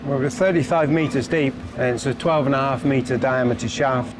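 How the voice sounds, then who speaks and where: A man's voice: medium pitch, steady tone, brisk, noisy background. A man working as an engineer, giving informal technical explanations in a documentary. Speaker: tunnel engineer. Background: prominent background music.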